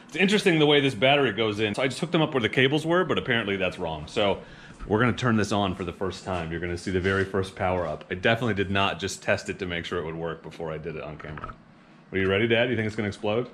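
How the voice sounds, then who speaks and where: A man's voice: lowish voice, very fast, fairly bright tone, slight background noise. A man hosting a motorcycle vlog, chatting casually to camera in a playful, self-deprecating way.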